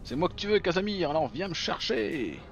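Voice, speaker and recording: A man's voice: sits high, big pitch swings, a little fast, creaky, lo-fi sound, slight background noise, voice pushed up, exaggerated voice. A man voicing a defiant, guilt-ridden young hero in a fantasy game, earnest and dramatic.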